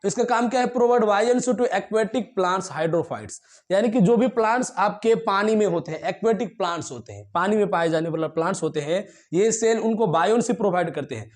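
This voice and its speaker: A man teaching a biology lesson to students, asking questions and answering them himself, clearing his throat now and then. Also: high-pitched, normal speed. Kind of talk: classroom lecture to students.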